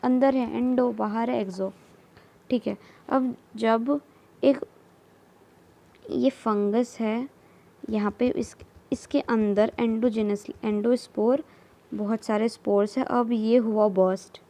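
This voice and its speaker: Woman, biology teacher, unhurried and soft-toned, repeats each term while sketching. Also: a little high, fairly even intonation. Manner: slow, repeats terms, mixes English terms into Hindi, frequent "theek hai". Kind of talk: explaining while drawing diagrams.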